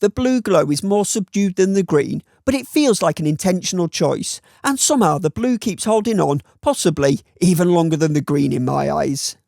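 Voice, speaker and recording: Northern english guy reviewing a watch, gravelly voice, dry close sound, wry and opinionated. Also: high-pitched, animated, moderate pace, hardly any pauses, a little mellow, dry recording. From Northern England. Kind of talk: scripted review voice-over.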